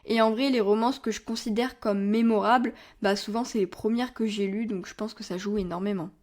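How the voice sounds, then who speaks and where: A woman's voice: medium pitch, steady tone, fairly quick, a little mellow. A young woman chatting candidly through her monthly book reviews, with playful asides. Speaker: book vlogger. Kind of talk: casual book review monologue.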